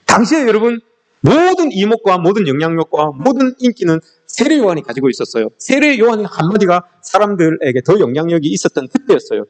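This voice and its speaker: A man delivering a sermon with a fairly high, lively voice that leaps up and down in pitch. He talks quickly and keeps calling out to the congregation, slipping into quick little acted-out quotes. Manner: animated, acts out quoted speech, addresses the congregation often. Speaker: pastor.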